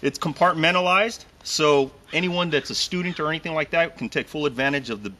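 A middle-aged man hosting a casual outdoor gear chat, teasing and animated, recorded from a camera a few steps away. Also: a little high, a little fast. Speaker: host. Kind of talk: casual show-and-tell chat. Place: outdoors in a wooded park.

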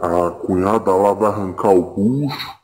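A man's voice: deep voice, a little mellow, poor audio. A man from Bahia, Brazil, delivering a boastful, taunting rant to the camera and repeating his lines over and over. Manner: taunting, repeats himself, drawn-out slow delivery. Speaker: vlogger.

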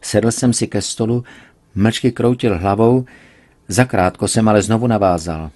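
A man reading a serialized novel aloud in measured, even scripted narration. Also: on the low side. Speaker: reader.

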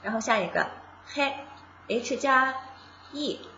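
A woman teaches beginners in a casual, patient way, taking each step slowly and repeating sounds aloud. Her voice is bright and forward. The recording sounds roomy and a little dull. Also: sits high, a little hiss or hum. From China. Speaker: Japanese language teacher.

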